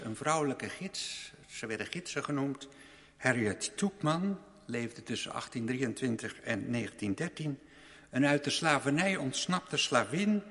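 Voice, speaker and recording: Preacher in a reverberant church. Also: male voice, mid-range voice, a bit bright. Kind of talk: sermon.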